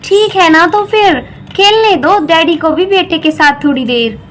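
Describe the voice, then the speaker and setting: Woman doing a calm busy doll elder sister, matter-of-fact, very high voice, faint noise. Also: a little slow. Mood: practical. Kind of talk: doll story role-play.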